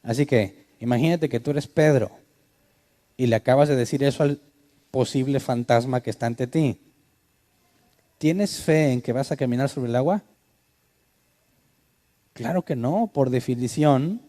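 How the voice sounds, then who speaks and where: A man's voice: medium pitch, moderate pace, long pauses, warm tone. A male pastor, teaching a sermon conversationally and asking his listeners questions. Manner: conversational, asks the audience questions.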